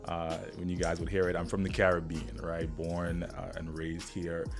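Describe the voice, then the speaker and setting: Still recovering from the flu, a Bahamian-accented man hosts a casual live stream, talking directly to viewers in an upbeat, rambling way. His low voice stays monotone at a normal speed, with faint music in the background.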